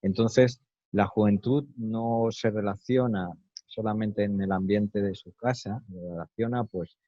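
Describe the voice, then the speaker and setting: A man from Spain with a neutral Castilian accent, speaking as a guest in a relaxed interview, thoughtful and hesitant with many fillers. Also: lowish voice, a little slow, no echo, dull audio. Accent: neutral Castilian Spanish.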